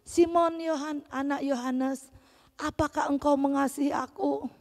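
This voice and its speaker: A soft-spoken, patient male teacher asks his question again with kindness, as a woman gives him voice. The telling is a children's Bible story with a raised pitch. Her voice carries a long reverb from a church hall. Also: steady tone, a little slow. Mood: gentle. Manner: gentle questioning.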